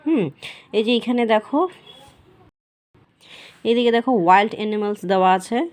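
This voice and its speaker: A woman teacher, explaining a children's workbook lesson patiently and repeating the answers slowly. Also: mid-range voice, a little mellow, smooth.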